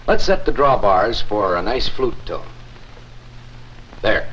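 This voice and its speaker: An actor playing a courteous, confident church organist, explaining in a formal, measured 1950s narrator manner for a promotional film. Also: male voice, lowish voice, sing-song, fairly bright tone, full character voice. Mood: instructive, assured. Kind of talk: 1950s promotional film acting, scripted demonstration. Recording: muffled, noisy 1950s film soundtrack.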